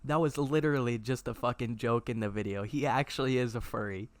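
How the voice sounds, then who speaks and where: A man's voice: medium pitch, brisk, no room sound. A young man, a YouTuber, ranting bluntly and profanely to camera in a confrontational callout.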